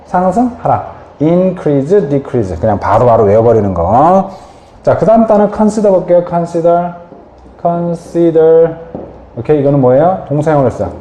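A man gives a vocabulary lecture with a very lively, swinging pitch, asking his class questions and answering them himself. His voice is mellow and dark. It sounds like a roomy, echoey space. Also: slight background noise. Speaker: English vocabulary teacher.

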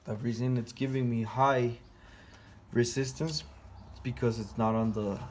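Working in a garage, a mechanic casually guides viewers step by step through a car sensor test for a repair tutorial. His voice is mid-range and a little mellow, fairly even in intonation and a bit slow, with slight background noise.

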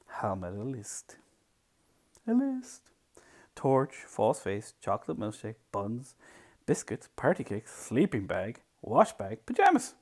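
A man's voice: lowish voice, breathy edge. An Irish man, a librarian, reading a picture book aloud to children. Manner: slow, warm, animated read-aloud.

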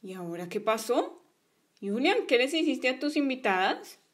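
A woman's voice: sits high, big pitch swings, moderate pace. A woman voicing a stern mother figure in a toy play story, firm and scolding.

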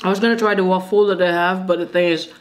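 A woman's voice: lowish voice, steady tone, fast talker. A woman from the Philippines co-hosting a food vlog, chatting casually and asking viewers to comment. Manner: easygoing, prompts viewers and partner. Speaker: food vlogger. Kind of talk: casual food-tasting chat.

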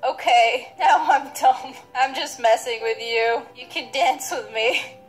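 A woman with a high voice chats slowly and playfully over a game, laughing as she goes. She reads other players' chat aloud in a casual let's-play style. Faint game music plays behind her. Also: low-quality recording. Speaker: gaming video host.

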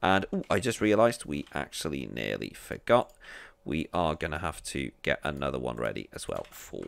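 A man's voice: extremely low pitch, big pitch swings, moderate pace, creaky, no room sound. A man hosting a gameplay video, chatting playfully and thinking aloud as he plays. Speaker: let's play host.

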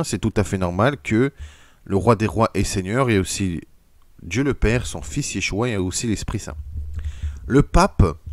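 A man's voice: mid-range voice, a little mellow, dry recording, clean studio sound. A man preaching in an audio sermon, reading quotes aloud and reacting with indignant exclamations. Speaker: religious video preacher.

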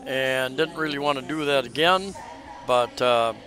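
A travel vlogger with a mid-range voice and measured pace narrates a casual walking tour, rambling with lots of hesitations and restarts. He records on a camera mic while walking a crowded city street during a festival, with a loud crowd all around.

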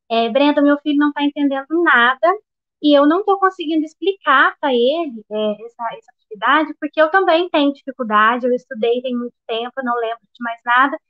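A woman's voice: sits high, muffled recording. A woman teacher with a Minas Gerais Brazilian accent sharing her experience in a casual, filler-heavy way. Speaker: primary school teacher. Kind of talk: sharing a practice at an online meeting.

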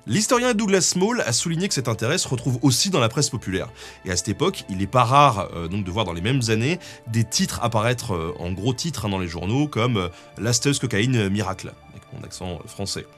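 Male guest explainer, conversational and animated, faint music underneath. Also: medium pitch, fairly quick. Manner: chatty, with many fillers like "hein". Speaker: guest co-host. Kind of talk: casual explanatory talk.

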